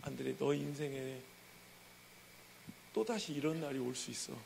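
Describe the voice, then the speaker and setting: A patient father, as a preacher plays him, speaks in a low, calm and tender way. The voice is gravelly but soft and steady. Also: normal speed, noisy background. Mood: gentle.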